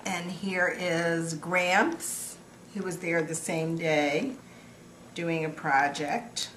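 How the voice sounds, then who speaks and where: Slow, sweet older woman, echoey room. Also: fairly low pitch, fairly even intonation, fairly bright tone. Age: older, grandmother. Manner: sweet, affectionate old-lady way of talking. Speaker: grandmother narrating family photos. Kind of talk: casual reminiscing over photos. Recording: echoey room with clear background noise.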